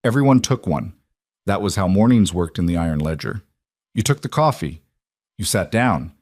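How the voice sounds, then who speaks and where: Male narrator with a low voice, measured and grave, dry close sound. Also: animated, darkish tone, no echo. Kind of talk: scripted dramatic narration.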